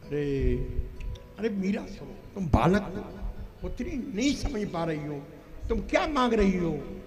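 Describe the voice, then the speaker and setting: A man playing a saint who tells a lively parable, acting out a crying child, and gently refuses a request. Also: high voice, a little slow, faint music behind, exaggerated voice. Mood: admonishing. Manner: animated storyteller, acts out voices. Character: wise saint, storytelling elder. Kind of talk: folk stage play.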